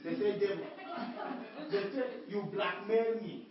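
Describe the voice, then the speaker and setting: Speaking a little slowly in a mid-range voice, this woman preaches with repetitive call-and-response lines and emphatic refrains aimed at the congregation. Crowd noise is audible, and the sound is dull and echoey, recorded from a distant mic in a hall.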